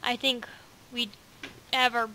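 A woman plays a game and chats along the way. Her voice sits high and has a sharp, bright edge, and she bursts into quick, excitable chatter. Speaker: gamer co-host. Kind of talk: casual gameplay chat.

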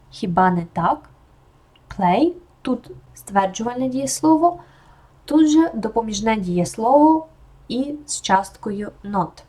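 A young woman teaching English grammar, explaining calmly and reading English example sentences slowly to show their intonation. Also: medium pitch, slightly rough.

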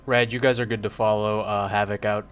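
A man's voice: on the low side, level tone, brisk, clean tone. A man leading a squad in military game voice chat, giving informal but directive instructions. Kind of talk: tactical gameplay voice chat.

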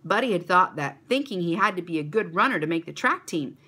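Animated woman reading a children's story. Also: lowish voice, fairly quick, slightly rough. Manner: expressive, animated.

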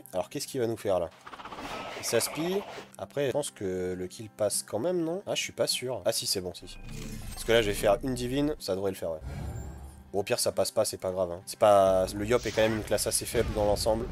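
A man giving casual, chatty commentary on his own online game as he plays, talking straight to his viewers. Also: fairly low pitch. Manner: fast, chatty, talks to viewers while playing. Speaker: gaming video creator.

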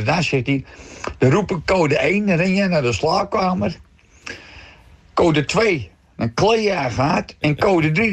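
A middle-aged man with a Dutch accent telling jokes on a radio show, switching voices for the characters. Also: medium pitch. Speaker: joke teller on radio show.

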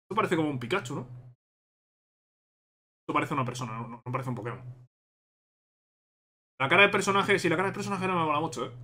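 A man with a Spain Spanish accent, reacting excitedly to a game trailer and thinking aloud as he repeats himself. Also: on the high side, fast, pauses often.

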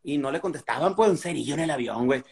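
A man's voice: on the high side, lively intonation, fast, creaky, a little mellow. Crude joking Mexican man on a video call. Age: 40s. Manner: crude, joking, heavy profanity. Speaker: host of a live video chat. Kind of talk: casual chat and joke telling. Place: indoors at home.

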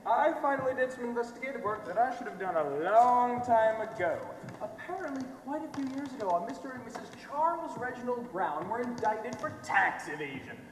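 A young adult man acts in an amateur stage play as a brash, fast-talking reporter exposing a scandal, caught by a distant mic in a noisy, echoey theatre hall. His accusing, theatrical delivery is slangy and emphatic, with wide pitch swings and punchy bursts. He is very animated, a little fast, with few pauses.

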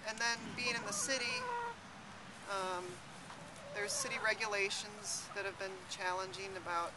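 Amid loud background noise in a city garden, a young urban farmer responds thoughtfully to an interviewer, often restarting and using fillers. She has a mid-range voice, fairly even intonation, and a moderate pace.

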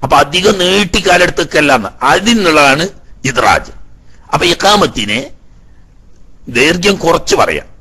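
A man's voice: fairly high pitch, big pitch swings, normal speed, long pauses, sharp tone, slightly rough. A male religious teacher giving a lecture on Islamic law, explaining Arabic phrases line by line and asking the class rhetorical questions. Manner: explains Arabic text line by line, then paraphrases.

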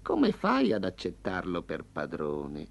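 A man voicing a smug, hungry male tiger with a slow, low, purring growl in a storybook reading. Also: huge pitch swings, vocal fry, full character voice. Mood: sly. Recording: slightly dull lo-fi.

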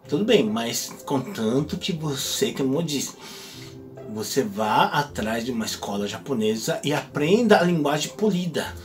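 A man hosting a casual advice vlog, chatty and ending phrases with tag questions. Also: medium pitch. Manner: acts out quoted speech in exaggerated voices. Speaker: host.

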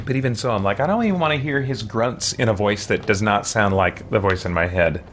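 Speaking fairly quickly in a low-leaning voice, a man streams a game from a small indoor room at home. His commentary is casual, rambling and chatty, like an excited fan, with background noise and faint game ambience underneath.

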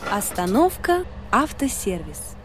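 A woman reading scripted public transport announcements in a formal, deliberate airport-announcement manner. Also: medium pitch, very animated. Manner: formal, deliberate, stop-by-stop phrasing with lifted key words. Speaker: bus stop announcer. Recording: heavy vehicle noise over recorded announcement. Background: loud bus interior and engine noise.

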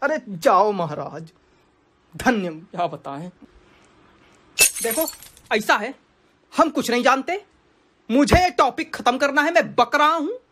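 Brief: a woman doing a high-voiced grumbling male math teacher, always fed up, comedy sketch, noisy home recording. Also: lively intonation, slow pace, pauses often, fairly bright tone. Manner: exasperated, grumbling rants. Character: flustered middle-aged male math teacher, short-tempered.

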